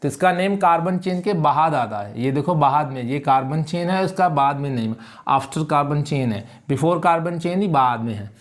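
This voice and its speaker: A male chemistry teacher giving a classroom lecture. He keeps asking whether students follow and repeats key terms slowly so they can write them down. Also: a little high. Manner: checks understanding with repeated questions; calls students "beta" warmly.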